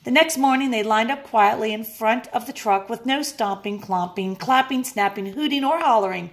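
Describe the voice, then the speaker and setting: A woman teacher reading a picture book aloud with expressive, playful storytelling. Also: a little high, moderate pace. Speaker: music technology teacher.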